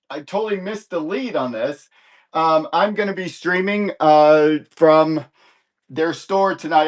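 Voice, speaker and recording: A man hosting a live comic book sales stream in casual chat, rambling and easygoing as he corrects himself and cracks light jokes. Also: a little high.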